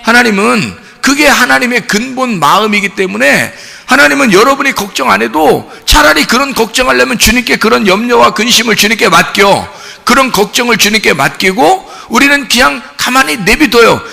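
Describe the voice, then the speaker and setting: A male pastor giving a sermon in an animated, colloquial way, asking rhetorical questions. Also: very high-pitched, moderate pace, creaky. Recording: long reverb of a church hall.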